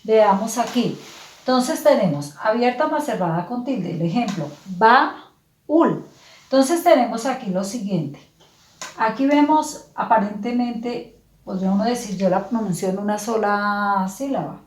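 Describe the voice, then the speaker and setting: A woman teacher explaining grammar slowly and patiently, spelling out words syllable by syllable. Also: medium pitch, expressive, roomy sound. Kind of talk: slow, clear classroom explanation.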